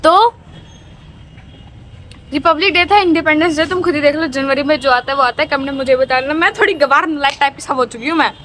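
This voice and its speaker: A woman's voice: high voice, a little fast, fairly bright tone, a little hiss or hum. A teenage girl telling a story in a casual vlog, talkative and dramatic, filling her speech with little check-ins to her viewers. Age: teens. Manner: chatty, dramatic, frequent "theek hai" fillers. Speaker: vlogger.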